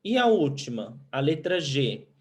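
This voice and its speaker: A Brazilian man teaching a Portuguese grammar lesson, who asks questions and answers them himself, and reads poem lines slowly while counting syllables. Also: a little high, sing-song. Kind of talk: recorded online grammar lesson.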